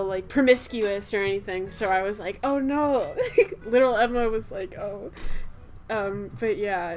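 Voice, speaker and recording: A young woman and artist chatting casually about her old drawings, rambling and giggling with lots of fillers and self-corrections. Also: medium pitch. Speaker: artist and channel host. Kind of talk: casual chat reviewing old artwork. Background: faint background music.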